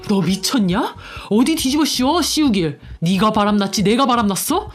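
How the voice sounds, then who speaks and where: A woman's voice: medium pitch, expressive, moderate pace, close to an everyday voice. An angry middle-aged husband hurls blunt accusations down the phone, played by a woman narrator in a story radio show. Faint music sits behind the voice. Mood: furious.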